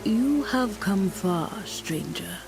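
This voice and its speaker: A woman's voice: mid-range voice, lively intonation, takes it slowly, vocal fry, music in the background, low-quality recording. A woman voicing a grave, mysterious goddess spirit in a video game.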